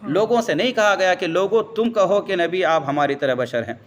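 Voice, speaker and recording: A man with a fairly high voice gives a religious lesson, explaining patiently, quoting Arabic verses and answering his own questions. The long reverb of a hall rings around his voice.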